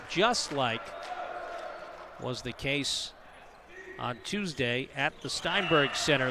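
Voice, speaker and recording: Brief: high-pitched male play-by-play caller, brisk, noisy arena feed with gym sounds behind. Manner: brisk, rises to shouts on big plays. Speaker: play-by-play commentator. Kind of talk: live volleyball commentary. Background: gym ambience and ball bounces.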